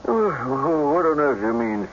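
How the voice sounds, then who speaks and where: Flustered doctor, highish lively voice. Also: male voice, unhurried. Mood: puzzled. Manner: hesitant, flustered, stammering. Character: bumbling, earnest, puzzled Victorian gentleman doctor, male companion. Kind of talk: old-time radio mystery drama acting. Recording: dull, lightly noisy radio drama recording.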